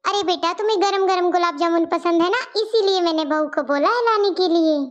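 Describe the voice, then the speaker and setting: Lady doing a naggy old saas, super high voice, dull lo-fi sound. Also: brisk. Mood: doting. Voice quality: scolding, fussy. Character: old scolding mother-in-law, bossy toward her daughter-in-law. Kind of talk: cartoon story voice acting. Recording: dull lo-fi audio.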